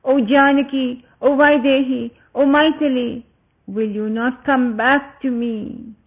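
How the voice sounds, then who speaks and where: A man voicing an anguished, passionate young prince who cries out his words loudly, heard through a tinny phone-like recording. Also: high-pitched, steady tone, moderate pace. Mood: grieving. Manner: impassioned, loud exclamations.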